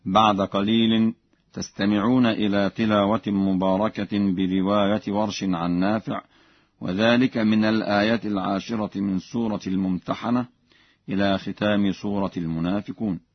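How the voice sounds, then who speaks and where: A man teaching Quran recitation. He gives measured explanations, then chants the examples slowly and melodically. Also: lowish voice, no echo, highs cut off.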